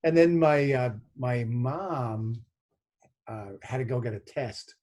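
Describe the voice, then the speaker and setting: A man in his sixties, a guest on a video call, tells family stories in an animated way and acts out the voices of the people in them. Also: medium pitch, takes it slowly. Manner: animated anecdotes with voiced quotes. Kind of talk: conversational storytelling.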